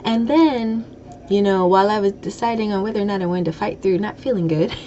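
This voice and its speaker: A woman's voice: medium pitch, brisk, dark tone. A woman hosting a casual podcast chat, rambling and self-correcting, with a slight lisp from a broken tooth. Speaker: podcast host. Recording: dull lo-fi audio with faint noise.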